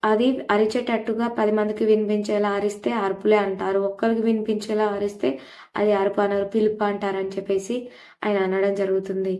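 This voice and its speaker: A woman's voice: mid-range voice, little pitch movement, brisk, darkish tone. A woman retelling a TV serial episode in a plain storytelling way, with many filler phrases. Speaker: serial recap narrator.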